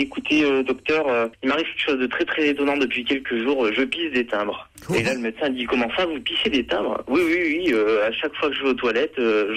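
Fast-talking husky man telling jokes. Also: mid-range voice, fairly bright tone. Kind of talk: telling a joke on a radio show.

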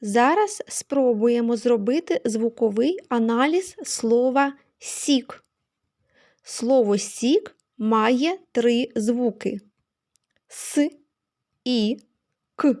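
A woman teacher giving a phonics lesson to young children, slow and careful, stressing each sound she names. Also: on the high side, lively intonation, a little mellow.

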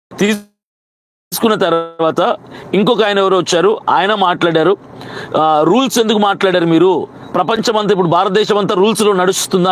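A man, a pastor, recounts his arrest in a rapid, heated stream, acting out the voices of both sides. His voice sits high and races along. Faint traffic noise hums behind him.

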